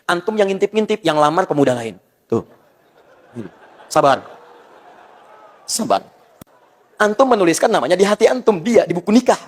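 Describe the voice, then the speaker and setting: A man preaching in a lively, joking way, breaking into small acted-out scenes between his points. His voice sits fairly high for a man, and it rings with the long reverb of a large hall. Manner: animated, joking, acts out little quoted scenes. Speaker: ustadz preacher. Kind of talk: sermon.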